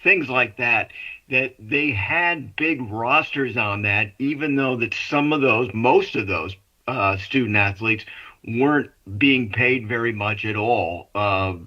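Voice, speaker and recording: A man's voice: medium pitch, slow. A man giving sports commentary in a chatty, explanatory way on a radio talk show, his voice muffled as if it comes through a wall. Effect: muffled, as if heard through a wall. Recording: muffled remote line.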